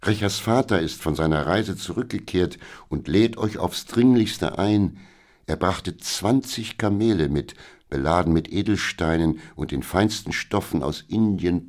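A man's voice: deep voice, a little mellow. A man voicing an eager old female servant who pleads urgently, in a storybook reading. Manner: urgent, imploring.

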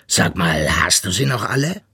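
A man voicing a worried, gruff father polar bear in a storybook reading, sighing and grumbling in a low voice. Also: big pitch swings, moderate pace, bright, forceful tone, no room sound, clean studio sound, heavily acted. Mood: indignant. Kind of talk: audiobook character voice.

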